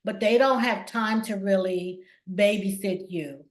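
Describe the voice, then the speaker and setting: A woman hosting an interview who is herself a claims adjuster, talking in lively, agreeing bursts. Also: mid-range voice, unhurried. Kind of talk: interview conversation. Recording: echoey room.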